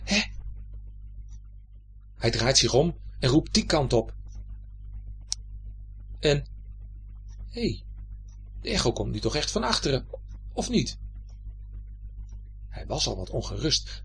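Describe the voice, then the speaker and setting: A man narrating a children's story in an expressive, lively way. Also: medium pitch, vocal fry, slight background noise.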